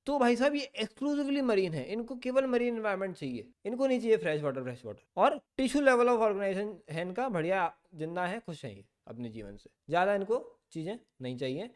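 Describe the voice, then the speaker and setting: A male biology teacher giving an exam-prep lecture, asking questions and answering them himself, reading textbook lines slowly and then explaining quickly and playfully. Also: sits high. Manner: asks questions and answers them himself, mixing Hindi with English terms.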